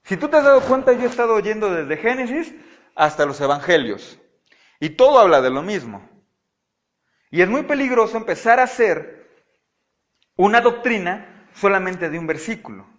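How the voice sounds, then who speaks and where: A man teaching a Bible study, animated and often checking with his listeners. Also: high-pitched, normal speed, long pauses. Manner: animated, asks the audience frequent checking questions. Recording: audio-only recording of a live talk.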